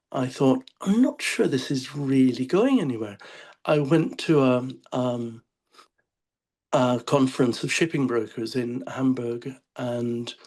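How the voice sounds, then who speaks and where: A man speaking as a literary translator on an online panel, telling his story in a relaxed, wry way. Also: mid-range voice. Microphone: video call.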